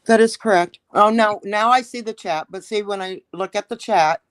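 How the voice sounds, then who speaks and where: A woman's voice: medium pitch, normal speed. A woman guest on a casual live stream, easygoing and ready to laugh at herself. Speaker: panel guest.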